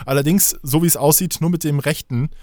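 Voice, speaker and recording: A man's voice: on the high side, brisk, darkish tone, no echo, studio quality. A man co-hosting a podcast, telling rambling, joking stories in casual banter. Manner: joking storyteller, playful and rambling. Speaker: podcast co-host.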